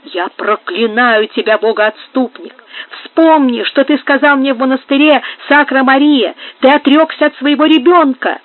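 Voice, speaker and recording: A woman reading aloud and voicing a terrified, furious young woman who cries out in shrill, high-strung bursts. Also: expressive, moderate pace, no room sound. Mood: frantic, hateful. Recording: tinny phone-like sound.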